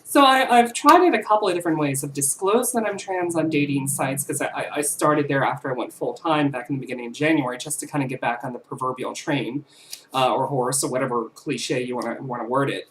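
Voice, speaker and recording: A woman's voice: extremely low pitch, fast talker, slight background noise, poor audio. A woman in her twenties chatting casually to camera as a vlogger, rambling with fillers and self-corrections. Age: 20s.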